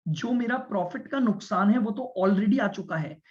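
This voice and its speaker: Male lecturer with a fairly high voice, deliberate classroom explainer who keeps checking understanding; dull lo-fi recording. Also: expressive. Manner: explains step by step, repeats points and checks understanding with students; speaks deliberately and stresses listening. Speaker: commerce teacher. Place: classroom with students.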